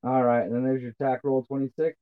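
A man running a tabletop role-playing game as game master, calling rolls in a relaxed, matter-of-fact way. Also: mid-range voice, fast, phone-quality sound.

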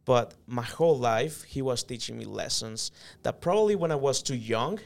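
This interview guest, a company manager from El Salvador, reflects earnestly on his life story, filling hesitations as he goes. His medium-pitched voice is expressive with some vocal fry, at a moderate pace.

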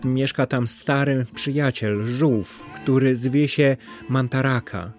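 A man's voice: medium pitch, slow, darkish tone, faint music behind, lightly acted. A man voicing a tired, loyal male crow in a storybook reading, earnest and heavy-hearted.

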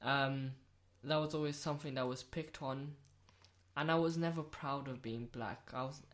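A woman's voice: extremely low pitch, steady tone, normal speed. A young woman, originally from Rwanda, chatting candidly on a podcast, swearing freely and repeating phrases for emphasis. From born in Rwanda, raised in South London. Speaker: podcast guest, host's friend. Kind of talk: casual podcast chat.

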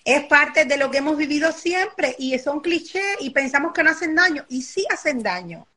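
A woman's voice: high voice, moderate pace, pushed and bright. A woman life coach giving advice in an online live conversation, talking emphatically and repeating key phrases. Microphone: online live call.

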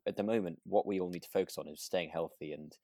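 A British man co-hosts a podcast, casually discussing a radio drama in a hesitant way, circling around his phrasing, rephrasing and interrupting himself. His voice is low and dark with fairly even intonation and a fast pace, recorded in a clean studio with no room sound.

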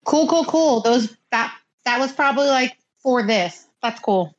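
A woman's voice: on the high side, animated, a little slow. A woman playing a tabletop game, asking easygoing questions. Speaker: player. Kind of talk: casual chat in a tabletop game. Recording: dull lo-fi mic with noise.

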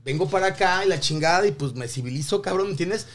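A man's voice: high-pitched, lively intonation, fast talker. A man from Mexico with a Mexican accent, chatting on a podcast in heavy slang and swearing emphatically. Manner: slangy, profanity-laden, emphatic. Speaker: podcast co-host. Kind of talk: casual chat.

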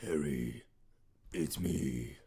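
A man putting on a gruff, brooding superhero vigilante voice for a comedy podcast bit. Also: a bass voice, drawn-out words, mellow, voice pushed down, exaggerated voice.

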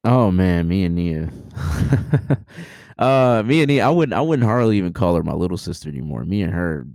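A man in his twenties, a podcast guest, talking in a relaxed, rambling, slangy way with many fillers and restarts. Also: sits low, moderate pace, no echo, studio quality. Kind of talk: casual interview chat.

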